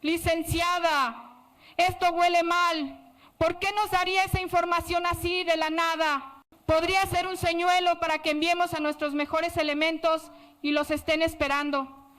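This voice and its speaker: A woman's voice: very high voice, steady tone, moderate pace, fairly bright tone. A woman voicing a skeptical male police commander who speaks in a wary, doubtful way. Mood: suspicious.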